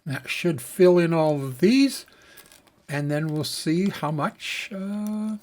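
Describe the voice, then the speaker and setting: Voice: medium pitch, animated, takes it slowly, a little mellow. A let's-play host giving casual gameplay commentary, musing aloud and thinking through each task step by step.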